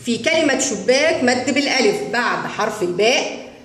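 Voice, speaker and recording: A woman's voice: a little high, animated, a bit bright. Arabic teacher woman in an echoey room. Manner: slow, drawn-out sounding of syllables; addresses children directly as friends. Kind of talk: children's phonics lesson. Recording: echoey room with long reverb.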